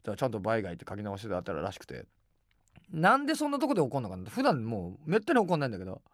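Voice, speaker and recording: Animated, fast-talking middle-aged man. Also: no echo, clean studio sound. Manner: animated, acts out quoted dialogue with big pitch jumps; rough casual speech with many fillers. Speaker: radio host. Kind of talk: casual rambling anecdotes.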